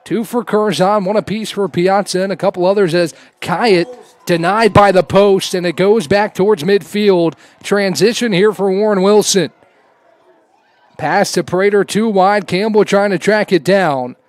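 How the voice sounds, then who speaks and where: A man's voice: high voice, fairly even intonation, unhurried, dry recording. A man giving live play-by-play commentary on a lacrosse game. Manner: raises voice to a shout on goals.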